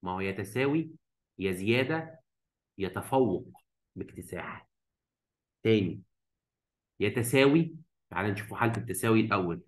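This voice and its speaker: A man with an Egyptian Arabic accent runs an English grammar lesson in a lively, singsong way, his pitch rising and falling widely. He slows right down to spell out English words, then hurries back into Arabic to explain them. He keeps prompting his students with quick questions so they fill in the missing word. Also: poor audio. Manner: stretches out English words slowly when modeling them. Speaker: English teacher.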